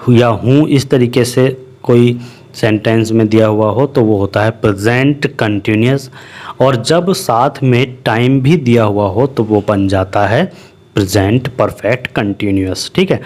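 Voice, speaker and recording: Slow-spoken Indian man teaching English. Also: mid-range voice. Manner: explains in Hindi, slowly spells out English example sentences. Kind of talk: spoken English lesson in Hindi.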